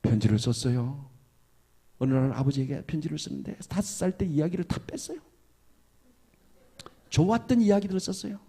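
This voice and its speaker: A man's voice: fairly high pitch, fairly quick, pauses often, dark tone, breathy edge. A middle-aged male pastor with a Gyeongsang dialect, telling a heartfelt story in a sermon and often dropping to a whisper.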